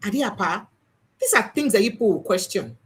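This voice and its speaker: A woman's voice: medium pitch, big pitch swings, a little fast, slightly rough. A Nigerian woman hosting a political commentary livestream, emphatic and slipping into Pidgin. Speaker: livestream host.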